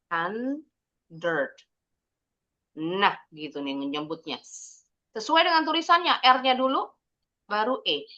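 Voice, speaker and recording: A woman teacher with an Indonesian accent gives an English lesson to children over a video call. She speaks slowly and stretches out each model word, with a bright, forceful tone. The sound is a little dull and lo-fi. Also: medium pitch. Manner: slow, drawn-out model pronunciations between brisk explanations. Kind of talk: online English lesson for kids.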